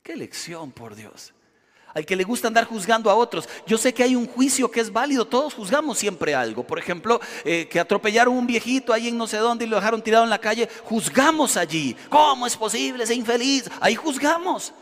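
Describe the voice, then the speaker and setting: A man preaching a sermon as a pastor, animated and acting out shouting crowds. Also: very high-pitched, fast, few pauses. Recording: long hall reverb.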